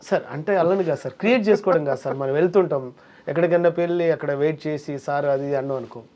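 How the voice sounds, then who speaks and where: A man's voice: fairly high pitch, rapid-fire, a little mellow. A man, a comedian and mimic, talking in a casual interview and acting out quoted voices as he tells stories.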